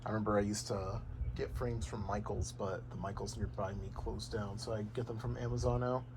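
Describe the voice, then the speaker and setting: A man's voice: fairly low pitch, steady tone, brisk, background noise. A young man casually vlogging about games he collects, rambling with lots of fillers and restarts. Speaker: gaming vlogger. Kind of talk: casual unboxing and game progress vlog. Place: bedroom at home.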